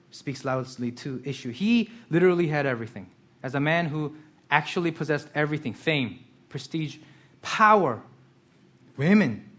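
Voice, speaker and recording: Earnest man preaching, higher voice. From South Korea. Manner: earnest, swinging between soft reflective lines and emphatic rising questions. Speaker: pastor. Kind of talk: sermon.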